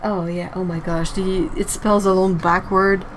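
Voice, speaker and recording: A woman's voice: fairly low pitch, level tone, a little slow, a little hiss or hum, low-quality recording. Chatty woman hosting a livestream. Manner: chatty, laughs often, reacts to chat messages. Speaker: livestream host. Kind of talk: casual livestream chat.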